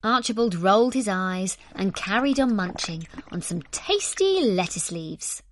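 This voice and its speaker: A woman with a mid-range voice narrates a scripted children's story, telling it expressively and deliberately. Slight background noise can be heard.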